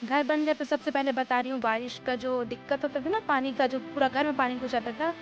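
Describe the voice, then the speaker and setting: A woman's voice: sits high, fairly quick, dull audio. A woman from a district in central India, speaking earnestly with restarts as a resident in a vox-pop testimonial. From Durg district, Chhattisgarh, India. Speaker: resident interviewee. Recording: loud music bed under the voice.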